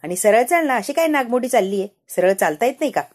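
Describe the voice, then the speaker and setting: A woman's voice: a little high, animated, fast, a little mellow, breathy edge. A woman voicing a drunk husband who rambles cheerfully. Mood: tipsy teasing.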